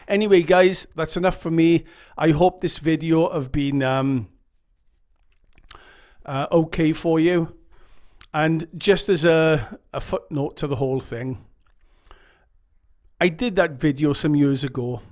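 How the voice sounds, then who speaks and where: Speaking directly to his viewers, this Welsh-accented YouTuber offers rambling, earnest advice in a casual monologue and gives quotes a dramatic reading. His voice sits a little high with a darkish tone.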